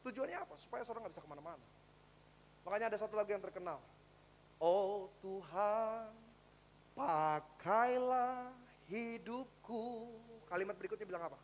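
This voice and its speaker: A preaching pastor, a man with a high, light voice. He moves between loud calls to the congregation and quiet, close storytelling. A faint hum sits under the recording. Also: animated, very fast. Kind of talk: sermon.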